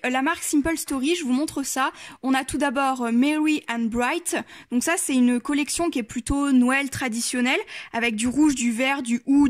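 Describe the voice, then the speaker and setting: High-voiced woman hosting a craft vlog. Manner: chatty, hesitant with many fillers. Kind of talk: casual crafting chat.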